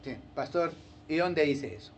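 A man's voice: a little high, unhurried, slight background noise. A male pastor, preaching a sermon and acting out churchgoers in playful voices. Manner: animated, acts out churchgoers in funny voices.

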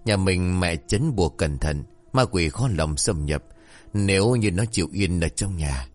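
A man's voice: low voice, animated, a little slow, faint music behind. Bossy stepmother, a man putting her on. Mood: scolding. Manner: scolding, lecturing. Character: scheming stepmother, sharp-tongued and bossy.

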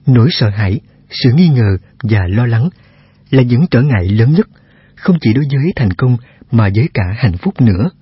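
A man narrating a self-help text in a steady reading voice, often asking the listener rhetorical questions. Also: mid-range voice, breathy edge, no echo. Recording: dull, slightly lo-fi sound.

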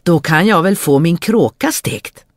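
A storyteller voicing a foolish, cheerful young peasant brother who shouts eagerly in a dry recording. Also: mid-range voice, lively intonation, no echo, pitched above the performer's own voice, natural voice. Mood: eager, boisterous.

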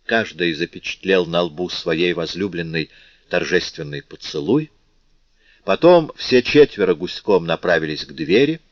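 A very deep-voiced man narrates a classic novel, measured and expressive in his storytelling. The recording is dry and somewhat dull, lo-fi, with no room echo. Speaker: audiobook narrator.

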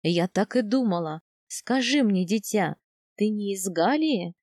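A woman reading an audiobook, voicing a dignified widow of nearly eighty who speaks in a measured, formally polite and instructive way. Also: mid-range voice, lively intonation, a little mellow, no echo, clean studio sound, natural voice. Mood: welcoming. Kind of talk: audiobook character voice.

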